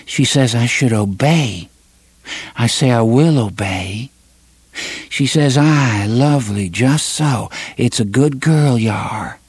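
A man's voice: mid-range voice, slightly rough, no echo, pitched above the performer's own voice. A man doing an entranced young woman's voice. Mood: dreaming. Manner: dreaming, faint, slow.

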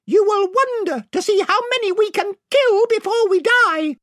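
A very high, proud storybook mouse warrior. He is formal and chivalrous, with haughty, swooping delivery. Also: animated, normal speed, fairly bright tone, no echo, clean studio sound. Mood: indignant. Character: gallant, haughty, high-pitched talking mouse warrior, male.

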